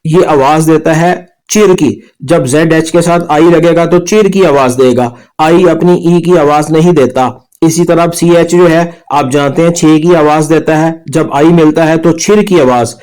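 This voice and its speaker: A man's voice: fairly high pitch, moderate pace, hardly any pauses, darkish tone. A man, patiently explaining a language lesson step by step over slides. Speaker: language teacher. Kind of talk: slide-based video lesson.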